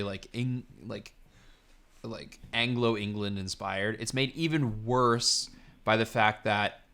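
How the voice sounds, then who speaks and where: A man's voice: fairly low pitch, fairly bright tone. A man co-hosting a podcast, reading out episode summaries and rambling through his points with many restarts. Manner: rambling, self-correcting, reads summaries aloud. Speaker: podcast co-host. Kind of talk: casual chat, recapping episodes.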